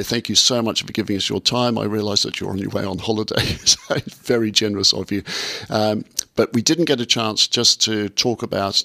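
A man's voice: on the low side, vocal fry, sharp tone. An Australian man presenting conversationally as a radio host, recorded on a studio microphone.

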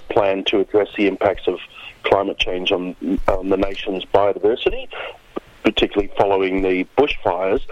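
A man's voice: on the low side, dry recording. An Australian man explaining science as an interview guest over the phone, hesitant and searching for words. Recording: dull phone line into radio studio.

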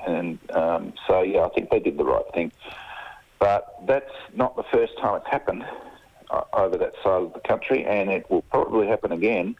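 A man with a relaxed, rambling manner, calling in as a radio surf reporter with his phone held away from his mouth. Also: sits low, normal speed. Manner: relaxed, rambling, many ums and restarts. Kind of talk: casual radio chat. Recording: muffled lo-fi phone line.

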